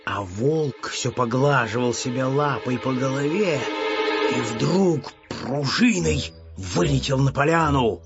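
Storybook narrator, male, slow and lively, dull recording with music under. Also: mid-range voice. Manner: slow, expressive reading.

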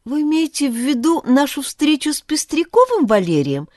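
A shy, good-natured young boy, earnest and polite, with a high, lively voice, as a woman reading the story puts him on. The sound is close and dry. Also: moderate pace, dry recording. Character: timid kind-hearted boy.

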